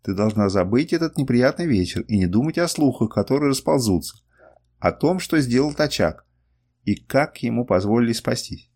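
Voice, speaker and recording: Guy doing a scheming older merchant in an audiobook, soft coaxing talk, lively swings. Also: mid-range voice, moderate pace. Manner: soothing, coaxing. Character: smooth, scheming older male merchant guardian.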